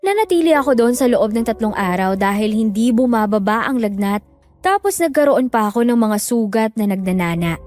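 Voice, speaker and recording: A woman tells a horror story in first person, with a measured, grave delivery and a slightly high voice. Faint music plays under the narration. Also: expressive, a little mellow, no echo.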